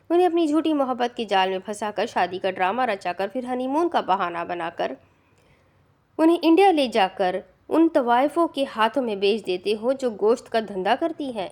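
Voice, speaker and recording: This is a cold, merciless young man issuing threats in a storybook reading, voiced by a woman narrator. He speaks with harsh contempt and clipped commands. The voice sits somewhat high. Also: darkish tone. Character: ruthless young male avenger, cold and threatening.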